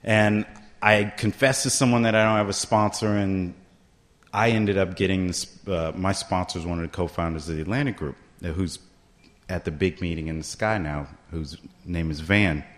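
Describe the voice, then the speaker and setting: A middle-aged man with a deep, steady voice tells his own story at a recovery meeting at a normal speed. He keeps it conversational, often checking in with the room by asking "right?"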